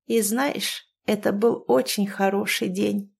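Fields: woman reading the part of an old forest witch. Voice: hoarse, low-key, resigned. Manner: grumbling and quiet. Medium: storybook reading. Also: fairly even intonation, slow pace, exaggerated voice. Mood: tender.

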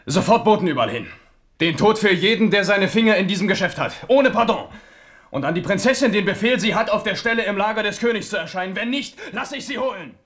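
A man's voice: sits high, expressive, fast, fairly bright tone. King, male, radio drama. Amorous and worldly, with natural command and passion. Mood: indignant, commanding. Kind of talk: 1970s German radio drama acting.

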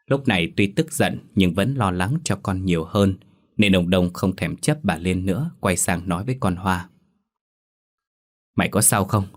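A man narrating a scripted ghost story in a steady, even storytelling manner. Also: deep voice, moderate pace.

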